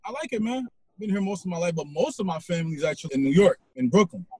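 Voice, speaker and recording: A Haitian man in his forties hosts a podcast, chatting casually with a guest in a fast, relaxed, conversational style packed with fillers. His voice is high with a breathy edge.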